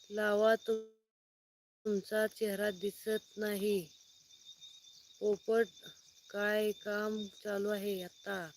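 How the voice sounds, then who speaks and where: Woman, farmer live-streaming from a phone, slow unhurried talk, flat even tone, faint crickets outside. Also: mid-range voice, slight background noise. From Sangli district, Maharashtra. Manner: reads out viewer names and greets each one, chatty and unhurried. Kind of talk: casual live-stream chat reading viewer comments. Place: outdoors at night, sitting under a light.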